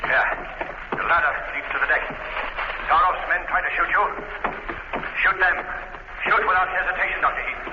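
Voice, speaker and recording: An actor playing a mysterious invisible crime fighter in an old radio drama, commanding, deliberate and theatrical. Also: male voice, high-pitched, close to an everyday voice. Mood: urgent command. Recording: noisy, muffled vintage radio recording.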